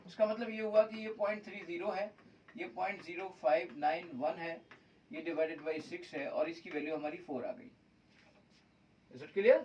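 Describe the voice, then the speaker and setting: A man's voice: high-pitched, normal speed, darkish tone, far from the mic, lo-fi sound, slight background noise. A male chemistry teacher lecturing at a board, mixing Hindi with English terms and calling his students "beta". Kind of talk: whiteboard lecture. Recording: voice from away from the mic.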